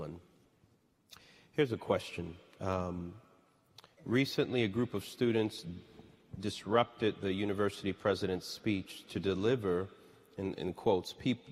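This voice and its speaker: A male moderator with a very low voice poses questions in a measured, polite way. The long reverb of a large hall hangs around his words. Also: a little mellow. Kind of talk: moderating a public conversation.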